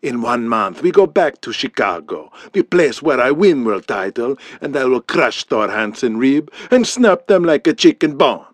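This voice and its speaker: A man's voice: medium pitch, sing-song, normal speed, hardly any pauses, dry recording, lightly acted. A man playing a ranting heel wrestling champion. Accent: put-on Middle Eastern. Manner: broken English, bombastic ranting. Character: arrogant villainous heel wrestler champion, boastful, hateful. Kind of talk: audio drama acting.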